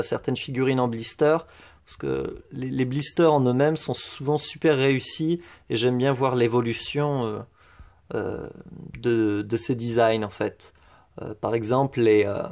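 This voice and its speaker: A man's voice: mid-range voice, a little mellow. A man giving a casual show-and-tell tour of his collection, hesitant, with many fillers and restarts.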